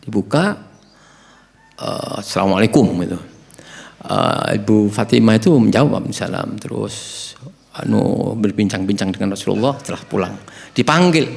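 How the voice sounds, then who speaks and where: A man's voice: on the low side, normal speed, gravelly. A middle-aged man with a Javanese accent, preaching a sermon and acting out the dialogue of the stories he tells. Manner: storytelling, acts out dialogue, animated.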